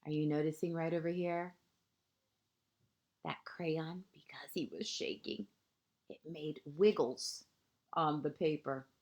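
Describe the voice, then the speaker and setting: A woman with a deep voice reads a children's picture book aloud like a kindergarten teacher. She's expressive and deliberate, using dramatic pauses and emphasis for young listeners.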